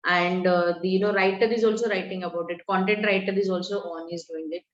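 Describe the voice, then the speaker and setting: A woman's voice: on the low side, steady tone, a little fast, roomy sound, highs cut off. A woman with an Indian English accent asks for advice, hesitating and mixing in Hindi words. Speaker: participant asking for advice.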